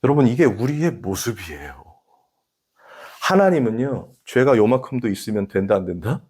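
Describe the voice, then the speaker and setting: A man, a pastor in his forties, preaching a sermon, asking the congregation questions and swinging from emphatic peaks to hushed asides. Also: mid-range voice, very animated, moderate pace, breathy edge. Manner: addresses congregation directly with questions.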